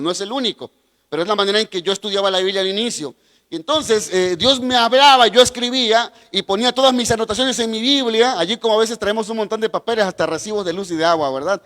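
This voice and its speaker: A man's voice: high-pitched, sharp tone, long reverb tail. A man teaching a Bible class, talking straight to his viewers with asides and personal stories.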